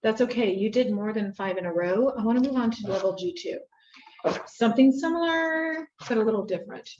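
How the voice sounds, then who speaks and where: Woman, reading tutor, fairly high voice, patient drill prompts, roomy dull recording. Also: a little fast, darkish tone, a little hiss or hum. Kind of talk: one-on-one phonics lesson.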